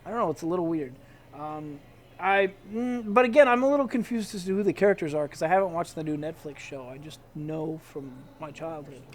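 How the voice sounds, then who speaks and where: A man with a high-pitched, slightly mellow voice hosts a comic shop's casual weekly review show. Chatty and hesitant, he restarts sentences and calls out emphatic verdicts.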